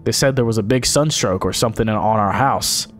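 A man's voice: fairly low pitch, a little fast, a bit bright, faint music behind, natural voice. Male streamer voicing a nervous evicted neighbor, plain and worried. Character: displaced nervous neighbor looking for shelter.

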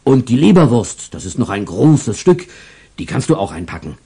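A man's voice: mid-range voice, very animated, normal speed, exaggerated voice. A male narrator voicing a poor old market stall owner, blustery but kind. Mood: blustery, kindly. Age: older. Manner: loud exclamations, warm gruff kindness. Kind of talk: storybook character voice.

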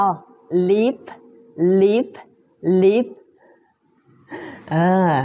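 A woman teaching English pronunciation, repeating phrases word by word and then explaining them quickly, with frequent polite particles. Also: medium pitch, a little hiss or hum. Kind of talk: live-streamed pronunciation lesson.

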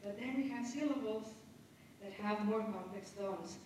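A Spanish-speaking woman gives a conference lecture in a hall, explaining step by step and adding tag questions as she goes. Her mid-range voice is unhurried and darkish, recorded from far off in an echoey hall with a little hiss or hum.

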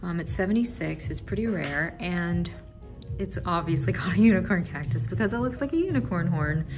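Her voice is lowish and a little mellow, with lively intonation and a brisk delivery. She's a plant vlogger in her thirties, gushing as she narrates a casual tour of an indoor plant shop over background music.

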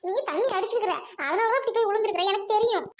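A woman with a Trichy Tamil accent acting a shrill, nagging village mother-in-law in a comedy skit. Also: racing, slight background noise. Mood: scolding.

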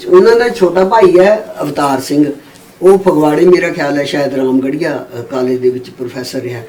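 A woman's voice: sits low, fairly quick, dark tone. A woman author speaking as an interview guest, emphatic and often checking agreement with tag questions. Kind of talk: conversational interview. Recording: echoey room from far off.

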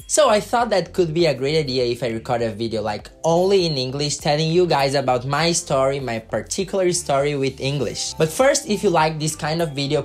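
A young adult man from Brazil tells a personal story to camera in English, his second language, with a Brazilian Portuguese accent and a mid-range voice. The YouTuber is earnest, gestures with his hands, and says "like" a lot, filming in a bedroom with colored lights.

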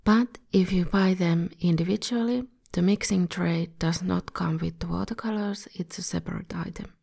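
A woman's voice: lowish voice, fairly even intonation, normal speed, creaky, a little mellow. A woman with a slightly scratchy voice, a bit under the weather, narrating an art tutorial as its host in a scripted style. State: a bit ill. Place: voice-over recording.

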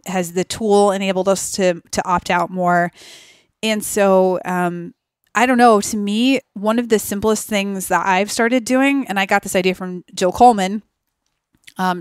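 A woman speaking as a podcast guest in a relaxed, earnest conversation, reflective and quick to laugh. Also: medium pitch, smooth, dry recording, clean studio sound. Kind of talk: conversational interview.

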